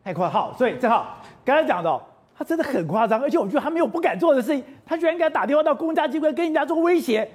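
A woman's voice: high-pitched, animated, very fast, darkish tone. A woman with a Taiwanese Mandarin accent hosting a talk show, chiming in briefly and asking pointed questions. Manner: short interjections and pointed questions.

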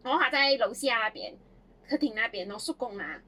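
High, lively woman. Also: brisk. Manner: animated, laughs often while telling stories. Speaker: podcast co-host. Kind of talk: casual chat, childhood storytelling.

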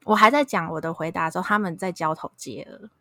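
A woman, co-hosting a casual chat and telling animated stories with frequent laughter. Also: fairly low pitch, fast, no echo. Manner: animated storyteller, laughs often. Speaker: podcast co-host.

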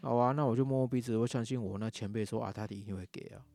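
A man's voice: medium pitch, fairly even intonation, very fast, gravelly, dark tone, faint music behind. A man with a Taiwanese Mandarin accent, angrily ranting in a casual monologue, swearing often. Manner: angry ranting, heavy swearing. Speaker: podcast host.

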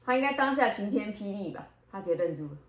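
A woman's voice: mid-range voice, animated, fast talker. A woman co-host in casual chat, chiming in with eager, teasing remarks. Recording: roomy echo.

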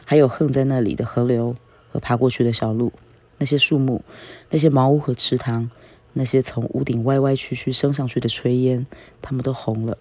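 A man reading a novel aloud as the narrator, in a steady, unhurried way. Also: mid-range voice, slightly rough. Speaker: reader.

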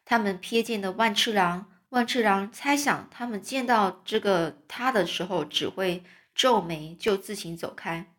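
一位带台湾口音的女士，为孩子朗读章节小说，语速平稳、音高适中，常停下来用口语解释生词，像在床边讲故事。. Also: female voice, medium pitch, measured pace. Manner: explains words to young listeners, chatty asides. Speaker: storyteller. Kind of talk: reading a children's novel aloud.

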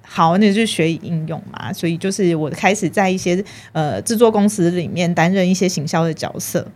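A woman, a film marketing producer chatting as an interview guest and telling animated stories about her work. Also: lowish voice, fairly quick. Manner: animated storytelling, acts out her own past thoughts. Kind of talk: casual interview chat.

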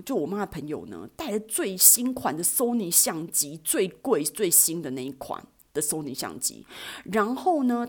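A woman, hosting a podcast and telling a story in a chatty, animated way. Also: on the low side, slightly rough. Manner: chatty, animated, many fillers. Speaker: podcast host. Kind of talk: casual storytelling.

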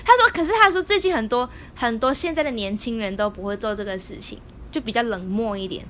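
A woman's voice: on the high side, animated, fast, fairly bright tone, a little hiss or hum. A woman co-hosting a casual podcast, chatting and sharing her own stories between frequent murmured agreement. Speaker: podcast co-host. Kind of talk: casual chat.

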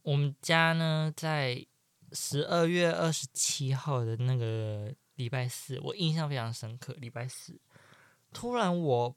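A young man from Taiwan hosting a podcast, telling a personal story in an animated, chatty way that swings from loud excitement to quiet mumbling. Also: medium pitch, unhurried, clear, resonant tone, no echo, clean studio sound. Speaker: podcast host. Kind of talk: casual storytelling monologue.

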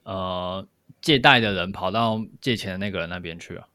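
Low-voiced man explaining casually. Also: normal speed, pushed and bright, no room sound, clean studio sound. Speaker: podcast co-host. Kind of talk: casual discussion.

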